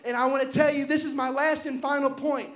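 A young man preaching a fervent Pentecostal sermon, shouting at the peaks while losing his voice. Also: very high voice, little pitch movement, a little fast.

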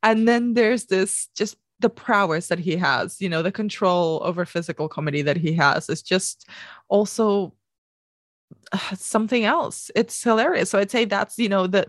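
Earnest and animated, this podcast co-host discusses a film in a relaxed way, frequently starting her thoughts over. Her voice is mid-range, and the recording is clean studio sound with no room noise.

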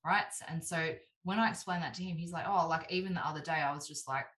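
A woman in her thirties talking casually as a guest, lively and full of "like", acting out what people say. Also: sits low, quick pace. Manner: animated, heavy use of "like", acts out quoted voices. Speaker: podcast guest. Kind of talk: casual chat. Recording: roomy echo.

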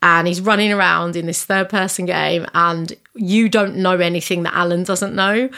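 A woman's voice: lowish voice, fairly even intonation, normal speed, sharp tone. A young woman talking casually and enthusiastically, rambling with lots of fillers and laughs. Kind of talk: casual chat.

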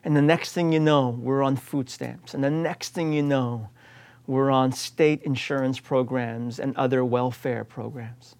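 Earnest and emphatic, a pastor in his late forties from the United States preaches a sermon, leaning again and again on repeated refrains. His mid-range voice is darkish, a little slow, with fairly even intonation.

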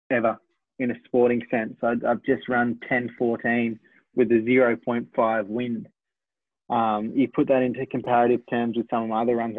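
A man in his twenties from Australia talks over his season as a sprinter, steady and reflective, often stopping to correct his own figures. His voice comes through a narrow, tinny, phone-like line with no room sound, and it sits at an ordinary middle pitch. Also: no echo. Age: 20s. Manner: reflective, measured, self-correcting. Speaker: sprinter, interview guest. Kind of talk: casual interview talk.

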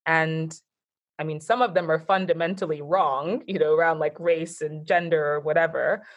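Woman, american accent, low voice, reflective casual talk. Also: fairly even intonation, moderate pace. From born in Japan, Nigerian, raised in the US. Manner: thoughtful, reflective, frequent fillers. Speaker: guest. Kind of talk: casual conversation.

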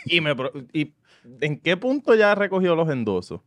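A man with a slightly high voice trades dry wisecracks on a casual podcast. His voice sounds close and dry. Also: very animated, normal speed, fairly bright tone, no room sound. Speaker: podcast co-host.

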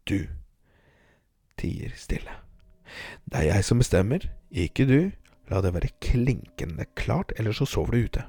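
A man's voice: fairly low pitch, expressive, long pauses, warm tone, husky, no room sound, clean studio sound, pitched below the performer's own voice. A man voicing a stern, haughty countess who gives curt commands.

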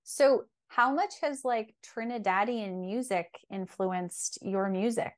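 Woman interviewer, eager and a bit halting, casual chat. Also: medium pitch. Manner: enthusiastic, hesitant phrasing. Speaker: interviewer host.

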